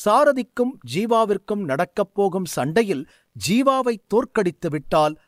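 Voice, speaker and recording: Expressive male storyteller. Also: sits high, measured pace, dry recording, studio quality. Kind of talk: scripted story narration.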